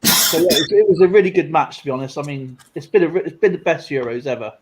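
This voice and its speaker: A man's voice: fairly high pitch, lively intonation, quick pace, background noise. A man chatting casually on a stream, rambling with lots of fillers and restarts. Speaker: streamer and coin collector. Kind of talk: casual live-stream chat.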